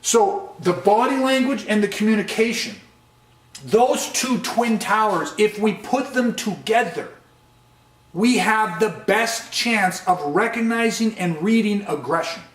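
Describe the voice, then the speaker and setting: A man's voice: sits high, a little slow, fairly bright tone, roomy sound. A man teaching a de-escalation training session, speaking earnestly and stressing key points. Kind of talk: training lecture.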